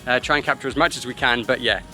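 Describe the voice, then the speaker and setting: Speaking fast with a sharp edge and medium pitch, a young man vlogs his travels outdoors and inside a cable car, talking into a handheld camera. His casual narration is chatty and teasing, with soft music playing in the background.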